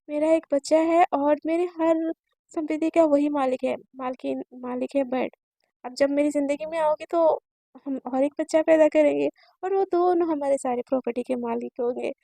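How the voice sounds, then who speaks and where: A woman's voice: sits high, normal speed, creaky, warm tone, dry recording. A woman voicing a pushy, boastful grown man pressing a young woman to marry him.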